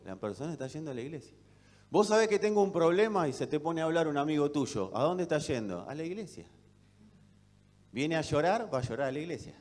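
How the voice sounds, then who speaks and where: Argentine preacher in a reverberant hall. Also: male voice, a little high. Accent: Argentine Spanish. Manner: rhetorical questions, swings between loud and soft. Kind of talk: sermon. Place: church hall. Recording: long reverb of a church hall.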